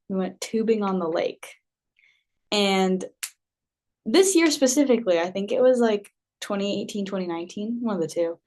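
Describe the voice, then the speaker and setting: A young woman spins a personal story for her podcast in a loose, chatty way, dropping "like" constantly and breaking into laughter. Her voice sits at an ordinary middle pitch for a woman. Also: darkish tone. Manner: chatty, heavy use of "like", laughs often. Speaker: podcast host. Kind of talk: casual storytelling.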